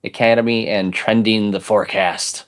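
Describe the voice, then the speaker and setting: A man's voice: fairly low pitch, fairly even intonation, normal speed. A man co-hosting a casual live stream, dry and matter-of-fact. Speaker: co-host. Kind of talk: casual chat.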